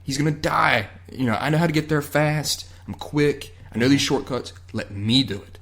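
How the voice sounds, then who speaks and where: A man's voice: mid-range voice, normal speed. Casual, foul-mouthed male podcast host. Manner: loose and profane, many fillers. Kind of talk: casual chat, recapping a TV episode.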